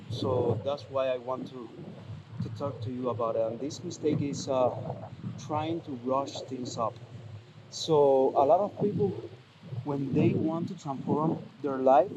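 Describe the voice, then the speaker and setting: A man's voice: medium pitch, dull audio. A man giving fitness advice in a casual outdoor vlog, a bit out of breath, talking chattily with many fillers and restarts. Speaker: fitness vlogger. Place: outdoors, windy, by traffic. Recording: outdoor wind and traffic noise.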